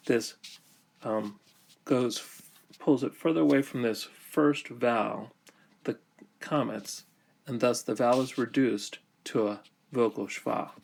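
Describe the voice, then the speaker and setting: Pausing a lot, a man with a gravelly, medium-pitched voice guides listeners through a grammar lesson, explaining each step in slow, careful phrases.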